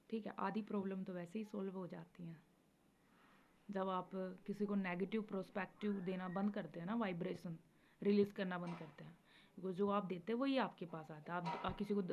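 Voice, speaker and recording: A woman hosting a spiritual advice talk, speaking gently and often checking in with her listeners. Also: medium pitch. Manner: gentle, repeats "theek hai" often. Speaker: spiritual video host. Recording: dull lo-fi recording with faint noise.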